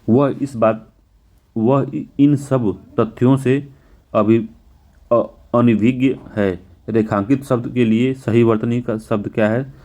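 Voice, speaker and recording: A man teaching a spelling lesson for an exam, going through test answers, repeating words slowly and correcting himself often. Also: fairly low pitch, mellow. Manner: repetitive, self-correcting, often says "ठीक है"; slows and stretches words to spell them out.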